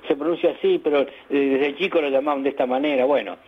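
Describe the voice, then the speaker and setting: Man, Argentine accent, guest teacher, emphatic, husky, muffled lo-fi sound. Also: on the high side, fast. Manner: didactic, emphatic, with hesitant restarts. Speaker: guest, journalism teacher and author. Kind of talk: interview over the radio.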